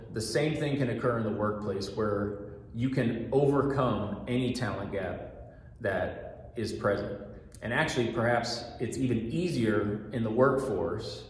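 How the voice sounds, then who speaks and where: A middle-aged man, a restaurant manager, giving a staff orientation talk through a mask in a steady, fairly monotone, earnest way. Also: medium pitch, slight background noise. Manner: talks through a mask, patient and repetitive. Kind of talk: training talk. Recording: very echoey room with long reverb.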